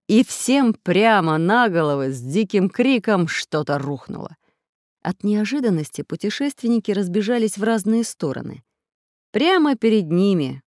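A woman reads a children's adventure story with lively, animated intonation. Her storytelling swings widely in pitch. The recording is dry and close. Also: dry recording. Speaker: audiobook narrator. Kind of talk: expressive children's story reading.

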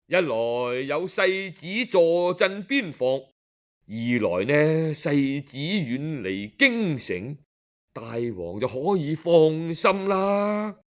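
A man with a Cantonese accent tells a story in a traditional oral style, colloquial and expressive, drawing out his particles. His voice is a little high, and the recording's highs are cut off.

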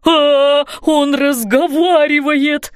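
A woman's voice: high voice, fairly even intonation, extremely slow, dry recording, clean studio sound, voice pushed up. A panicky wailing man, as a woman storyteller puts him on. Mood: panicked. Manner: panicked wailing, pleading, drawn out. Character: frightened adult man roofer, panicky.

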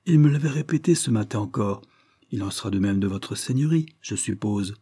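A man's voice: fairly low pitch, expressive, fairly quick, dark tone, husky. A man voicing a fretful male country lawyer in an audiobook, exclamatory in tone.

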